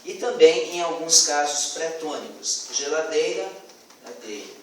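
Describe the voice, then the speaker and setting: A man's voice: on the high side, measured pace, fairly bright tone, a little hiss or hum. A man giving a student class presentation, hesitant, with many fillers and restarts. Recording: echoey classroom from far off.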